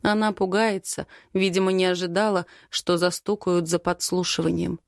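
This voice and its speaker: A woman narrating a first-person story as an expressive, dramatic audiobook reading. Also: on the low side, moderate pace, gravelly, no room sound, clean studio sound.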